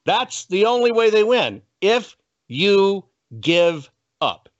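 American man, very lively intonation, preachy, folksy, punchy political pep talk, dull lo-fi sound. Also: high voice, slow. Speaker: political activist guest. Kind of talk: motivational political commentary. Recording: dull, muffled lo-fi audio.

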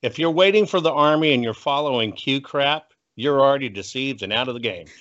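A man's voice: mid-range voice, animated, fairly quick, fairly bright tone. An American man speaking as an activist guest, delivering motivational political commentary in a punchy, folksy, preachy way. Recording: dull, muffled lo-fi audio.

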